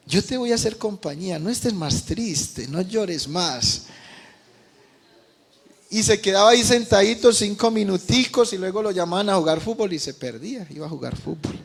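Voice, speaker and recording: A Colombian man preaching as a pastor, telling a testimony with passion, moving between quiet and loud. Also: on the high side. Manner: impassioned, swings from quiet to loud. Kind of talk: sermon testimony.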